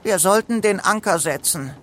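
A man voicing a timid, careful small animal sidekick in a storybook reading, soft and worried. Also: medium pitch, big pitch swings, a little slow, a little hiss or hum.

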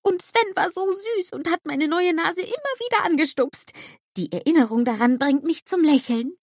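A woman voicing an eager, innocent little male snowman with a high, excited, childlike manner. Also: normal speed, no room sound, clean studio sound. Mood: proud.

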